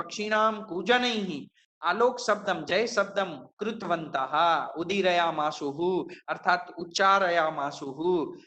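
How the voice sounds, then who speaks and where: A male professor teaching a Sanskrit verse, quizzing his students and slowly repeating each word. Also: sits high, pushed and bright. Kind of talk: classroom lecture on Sanskrit verse.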